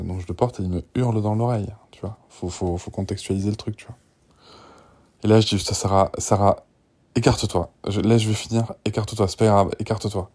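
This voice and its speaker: A man in his thirties talks through a candid audio diary in a low, gravelly, dark-toned voice. He rambles with frequent restarts and filler, and at times sinks into a breathy whisper. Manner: rambling and emotional, with many restarts and "tu vois"; drops to a breathy whisper at tense moments. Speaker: father recording a personal audio diary.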